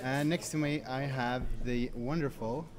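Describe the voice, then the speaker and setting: A man's voice: medium pitch, fairly even intonation. Man calling play-by-play over crowd. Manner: brisk play-by-play, reads out fleet lists. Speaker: lead commentator. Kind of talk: live tabletop game commentary. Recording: crowd chatter of a tournament hall.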